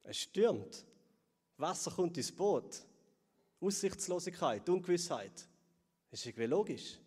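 Man, preaching a sermon, earnest, hushed drops on key words, long hall reverb. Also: big pitch swings, unhurried, slightly rough. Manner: earnest, dropping to soft low tones on key words.

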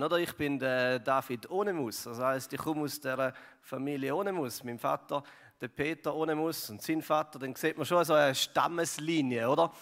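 A pastor with a Swiss German accent talks his way through a sermon in an easy, chatty manner, often tossing in fillers and little tag questions. His voice sits a touch high for a man, and it rings out with a long reverb tail from a large church hall. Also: fairly bright tone. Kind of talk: conversational sermon.

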